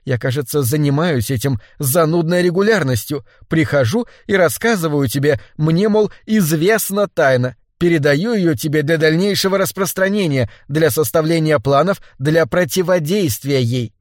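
A man voicing a cold, proud woman scholar with clipped, even speech in an audiobook. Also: a little high, moderate pace, few pauses, no echo, clean studio sound, natural voice.

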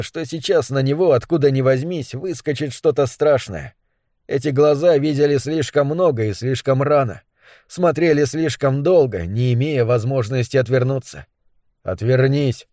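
A man reading a first-person novel as an audiobook, in a measured and dramatic way. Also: medium pitch, warm tone, no room sound, studio quality. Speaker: audiobook narrator. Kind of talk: scripted narration.

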